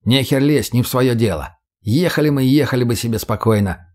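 Brief: swaggering, swearing, slow-witted fighter in an audiobook, man reading him, everyday voice. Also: mid-range voice, a little mellow, close to an everyday voice. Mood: crude. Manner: foul-mouthed, smirking.

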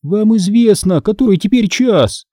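A man voicing a concerned mother who gives brisk instructions to her children. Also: high-pitched, lively intonation, mellow, no room sound, clean studio sound, pitched above the performer's own voice.

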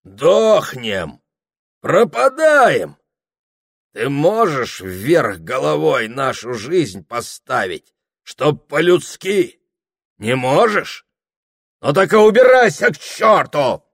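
A man voicing a drunk, bearded peasant who rages and shouts in despair. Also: on the low side, expressive, slow pace, no echo, studio quality. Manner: shouting, bellowing.

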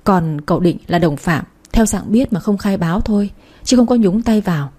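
A woman's voice: medium pitch, normal speed, mellow. A woman narrating a dramatic story, with a storyteller's moralizing asides.

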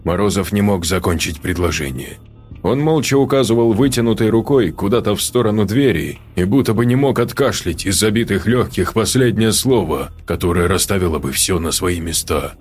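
A man narrating a story aloud in a steady, measured reading. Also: lowish voice, faint music behind. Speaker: audiobook narrator. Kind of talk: scripted narration.

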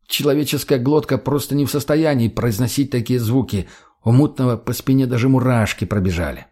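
A man narrating an audiobook in a steady, plain storytelling manner. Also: mid-range voice.

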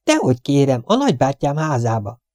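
A rambling, superstitious stout cleaning woman chatters on in a shrill, raised voice, as a male audiobook reader puts her on. The tone stays mellow underneath, and the recording is close and dry. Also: wildly swooping pitch, dry recording. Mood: chattering.

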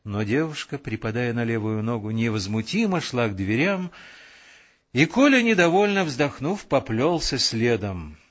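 Calm male audiobook reader. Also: medium pitch, normal speed, dull audio. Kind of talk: audiobook narration.

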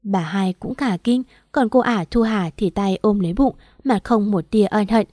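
Female storyteller, measured scripted narration, dry close sound. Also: mid-range voice, dark tone, no room sound.

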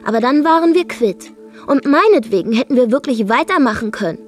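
A woman's voice: high voice, lively intonation, fairly quick, soft background music. An actress narrating a radio drama monologue as a brash, defiant young woman from Zeeland, with a dry, wry storytelling manner. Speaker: first-person narrator.

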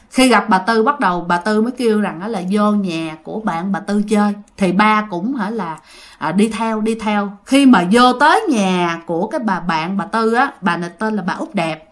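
A woman's voice: medium pitch, a bit bright. A woman with a Southern Vietnamese accent telling a ghost story in a chatty way, talking straight to her listeners. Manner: chatty, addresses listeners directly.

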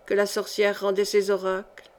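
A woman voicing a cold, calculating male seneschal in an audiobook, measured and insinuating. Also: medium pitch, completely flat delivery, darkish tone, close to an everyday voice. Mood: sinister. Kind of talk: audiobook character reading.

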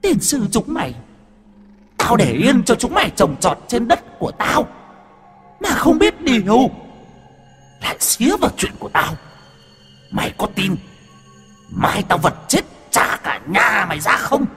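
A man voicing a vengeful, malevolent spirit in a horror audiobook, with a shrill, screeching delivery. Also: huge pitch swings, a little slow, long pauses, a bit bright, slightly rough, in a large hall, faint music behind, full character voice. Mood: furious threatening.

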